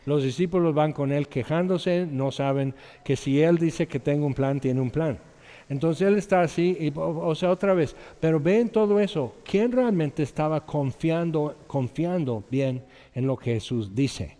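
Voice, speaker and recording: A male pastor preaches in a church hall with a slightly high, mellow voice at a measured pace. He talks conversationally, reading scripture aloud and acting out quotes, and the hall adds long, echoing reverb.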